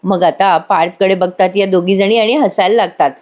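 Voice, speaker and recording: A woman's voice: medium pitch, steady tone, moderate pace, a little mellow. A woman narrating a voice-over recap of a TV serial episode in a chatty storytelling manner, talking to her listeners.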